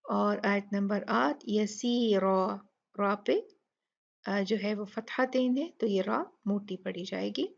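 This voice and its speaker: A woman's voice: medium pitch, slow pace, creaky, lo-fi sound. A woman teaching tajweed step by step, patiently repeating each sound syllable by syllable. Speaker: Quran recitation teacher.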